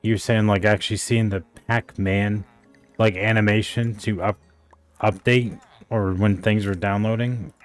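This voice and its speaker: A man's voice: lowish voice, steady tone, measured pace, soft background music. A man streaming a game, chatting loosely and unsure of himself, with lots of "like" and "I think" as he talks. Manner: rambling and unsure, full of "like" and "I think". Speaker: gaming streamer. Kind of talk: casual chat while gaming.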